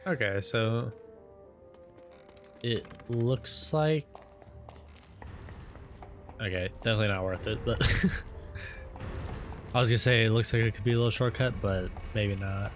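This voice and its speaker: Low-voiced man doing casual game commentary. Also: unhurried, pauses often, soft background music. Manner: rambling, trips over words and jokes about it. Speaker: let's play host.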